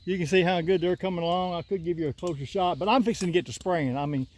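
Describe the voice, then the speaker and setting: This older man talks fast in a high, somewhat mellow voice with a Southern drawl. He's a homesteader from the Southern US walking through his rural garden with a selfie-stick phone, rambling in a folksy way for a casual walkthrough vlog.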